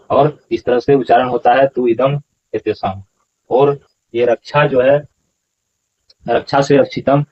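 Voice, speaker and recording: A man's voice: medium pitch, highs cut off. A man explaining scripture verses as a teacher, patiently repeating pronunciations syllable by syllable. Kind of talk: explanatory lesson.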